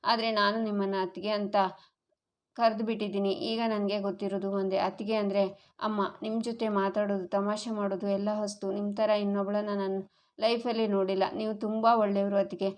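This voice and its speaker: A tearful young man begs and repeats himself, as a woman reads his lines aloud. The delivery stays flat and level, with little rise or fall in pitch. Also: a little fast, close to an everyday voice. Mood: pleading. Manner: pleading, repetitive. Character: young man pleading with sister-in-law, tearful.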